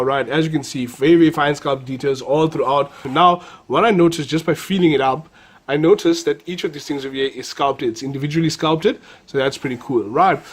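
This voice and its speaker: Male hobby reviewer, South African accent, stuffy nose from a cold, upbeat, repeats himself. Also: medium pitch. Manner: enthusiastic, repeats words, many fillers. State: nasal from a cold. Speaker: collectibles reviewer. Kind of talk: casual product review.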